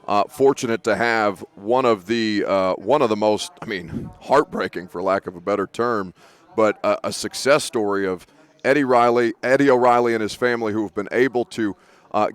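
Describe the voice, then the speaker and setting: A male sports radio host with a lowish voice at normal speed interviews guests during a live broadcast. He talks eagerly, often restarting and correcting himself, from a studio booth at a sports event.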